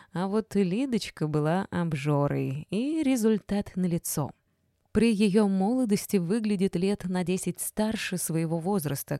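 A woman reading a first-person novel aloud as audiobook narrator, in a wry, measured storytelling manner. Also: on the low side, mellow, no room sound, studio quality.

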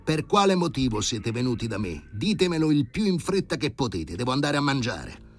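A stern, pompous old professor holds court in this audiobook, voiced by a man reading it aloud. His lines come raised and deliberate, each word weighed with irony. The tone is lively in pitch and a little husky. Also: soft background music. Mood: haughty, stern. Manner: grave, ironic, drawn-out emphasis. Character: pompous elderly male professor, stern and sardonic.

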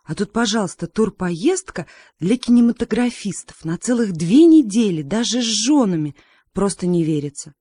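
A woman narrating a story as an audiobook, in a measured, gently ironic way. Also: medium pitch, expressive, husky, dry recording. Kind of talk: audiobook reading.

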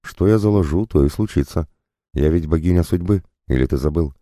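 A man's voice: low voice, fairly quick, dark tone, dry recording, studio quality, close to an everyday voice. A man voicing a naive young goddess of fate who speaks simply and earnestly in an audiobook. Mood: plain earnest. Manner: simple, earnest, matter-of-fact.

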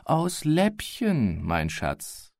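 A man voicing a portly middle-aged official who talks to a child in a hushed, wheedling voice and turns to furious shouting. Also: fairly high pitch, wildly swooping pitch, very slow, gravelly, dry recording, studio quality, pitched above the performer's own voice, full character voice.

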